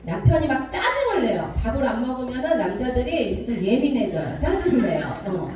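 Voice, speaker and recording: A woman pastor preaching a sermon, calling for amens and acting out arguing couples in sudden high voices. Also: sing-song, brisk, darkish tone, slight background noise. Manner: call-and-response preaching, acting out quarrels. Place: church sanctuary. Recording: echoey church hall, mic at a distance.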